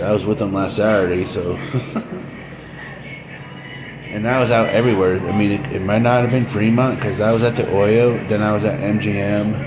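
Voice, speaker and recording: With a dry throat and a fading voice, a man chats casually with viewers on a late-night live stream, rambling, repeating himself and chuckling a lot. His voice is lowish, and there's noise in the background.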